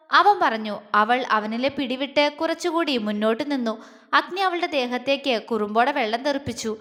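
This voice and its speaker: A woman narrating a scripted romance audio story in a soft, emotive storytelling manner. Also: high-pitched. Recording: long hall reverb.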